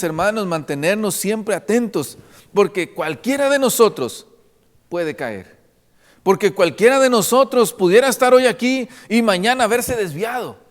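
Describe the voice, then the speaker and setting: High-voiced preacher in an echoing church. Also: male voice. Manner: earnest preaching, repeatedly addressing the congregation as brothers. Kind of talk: sermon. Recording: long reverb of a church hall.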